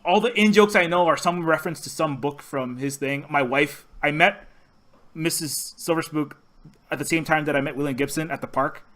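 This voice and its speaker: A man's voice: on the high side, fairly bright tone. Rambling man hosting a podcast. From Hawaii. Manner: rambling, halting, many restarts. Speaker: podcast host. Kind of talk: casual podcast chat.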